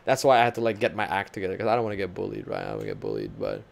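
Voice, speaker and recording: Animated Filipino streamer with a gravelly voice. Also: male voice, sits low, very fast. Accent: Filipino English. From Philippines. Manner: animated, swearing, laughing storyteller. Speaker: VTuber streamer. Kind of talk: casual stream chat, reading chat.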